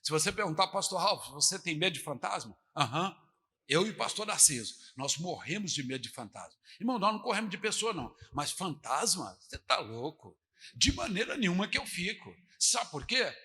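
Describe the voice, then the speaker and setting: A Brazilian man preaching a dramatic sermon as pastor, switching between shouted lines and quiet asides. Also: high-pitched, big pitch swings, brisk, slightly rough. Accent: Brazilian Portuguese. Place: church hall. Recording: church hall reverb.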